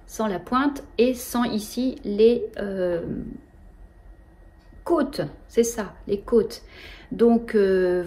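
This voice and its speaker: A middle-aged woman, hosting a knitting show in a casual, halting way with many fillers. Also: mid-range voice, dark tone. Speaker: knitting podcast host.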